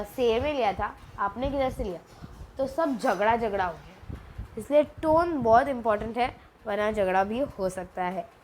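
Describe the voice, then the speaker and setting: A woman's voice: on the high side, a little mellow, rough recording. A woman teaching a Chinese language lesson, explaining patiently, slipping in English phrases and repeating syllables to demonstrate. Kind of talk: casual spoken lesson. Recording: faint background noise.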